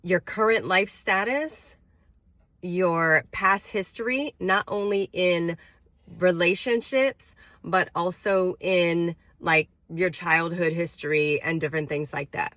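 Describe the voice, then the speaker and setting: Woman, congested and under the weather, low voice, unhurried, earnest advice, dry close sound. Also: fairly bright tone, dry recording. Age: adult with a daughter. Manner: earnest, careful, many fillers. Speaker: vlogger. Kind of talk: casual advice to camera.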